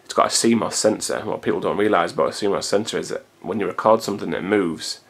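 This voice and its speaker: Recorded on a camcorder's built-in mic in a hot room at home, a vlogger rambles casually to camera. His voice has a fairly low pitch, a fast pace and a slightly rough edge.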